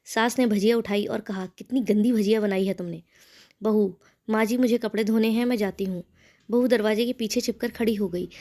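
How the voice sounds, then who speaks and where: A woman's voice: fairly high pitch, mellow. A woman narrating a household story aloud, reading the characters' quoted lines with scolding emphasis.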